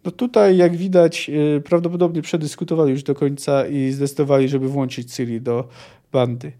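A man hosting a book podcast, reading passages aloud and musing on them. His voice sits fairly high, with a warm, mellow tone, and he often restarts his sentences. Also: fairly even intonation, fairly quick. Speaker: podcast host.

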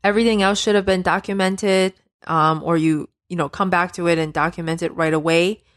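A woman's voice: fairly low pitch, fairly even intonation, a little fast, no echo, studio quality. A woman hosting a nursing podcast, explaining steps in a plain, matter-of-fact teaching voice. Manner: instructive, matter-of-fact, direct second-person guidance. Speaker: podcast host, nurse educator. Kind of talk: podcast lecture.

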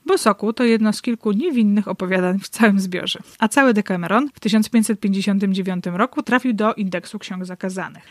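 A woman's voice: mid-range voice, a little fast, hardly any pauses, dry recording. Woman giving dry, wry literary commentary. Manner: wry, analytical, dryly ironic. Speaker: book reviewer. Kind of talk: literary commentary with read-aloud excerpts.

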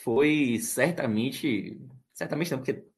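A man's voice: medium pitch, unhurried. A man giving live football analysis in a conversational, critical way. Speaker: football pundit.

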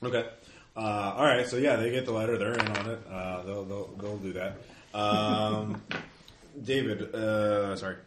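A man running a tabletop game as game master, narrating casually in a halting, hesitant way. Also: fairly low pitch, fairly even intonation. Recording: echoey room, noisy, clicks.

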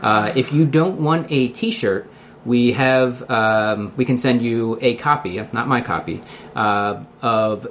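A man with a Philadelphia accent hosting a casual podcast in a halting, loosely scripted way. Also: mid-range voice, fairly bright tone, slight background noise. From Philadelphia area, United States. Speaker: podcast host.

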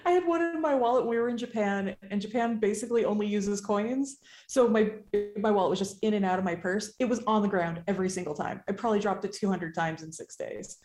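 A woman's voice: medium pitch, quick pace, few pauses, a little mellow, soft background music. A woman chatting casually as a podcast guest, with a self-deprecating, joking way of talking, recorded in an echoey indoor space. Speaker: guest artist. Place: indoors in an artisan shop space. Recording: echoey room.

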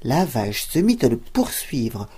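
A woman telling a bedtime story to children in slow, expressive storybook narration. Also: extremely low pitch, a little hiss or hum.

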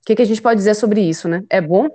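A woman hosting a post-match football talk show, speaking haltingly and searching for words as she sets up questions. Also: medium pitch, dark tone. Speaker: host.

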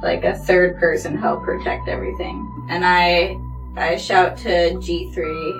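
A woman playing a tabletop game, talking briskly and practically. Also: on the low side. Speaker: player. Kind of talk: casual tabletop play. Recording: echoey room with music.

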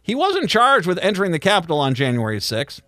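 A man hosting a radio talk show, speaking in an animated, conversational and emphatic way. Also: sits high, a little fast, dry recording, clean studio sound. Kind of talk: live radio talk and news commentary.

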